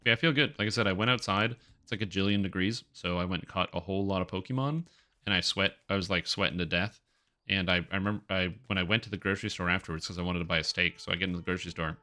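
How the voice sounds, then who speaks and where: Speaking at a racing pace, a man with a deep, sharp, congested and nasal voice chats casually while gaming on a live stream. He sits close to the microphone and rambles, addressing both himself and viewers.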